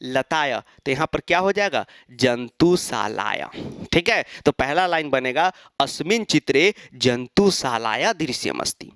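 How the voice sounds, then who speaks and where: A man's voice: a little high, lively intonation, moderate pace, hardly any pauses, fairly bright tone, dry recording, studio quality. A man teaching an exam-prep lesson, explaining step by step and answering his own questions. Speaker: Sanskrit teacher.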